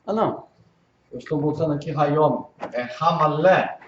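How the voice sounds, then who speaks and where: Brazilian guy teaching hebrew slow, kinda high voice, echoey room and dull audio. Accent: Brazilian Portuguese. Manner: patient, repeats pronunciations slowly, checks understanding. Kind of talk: informal one-on-one language lesson.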